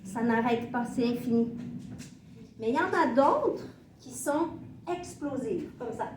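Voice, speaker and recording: A woman's voice: fairly high pitch, expressive, unhurried. A woman teaching a class, speaking in short, simple phrases and demonstrating for learners. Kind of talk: classroom lesson. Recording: echoey classroom from far off, with room noise.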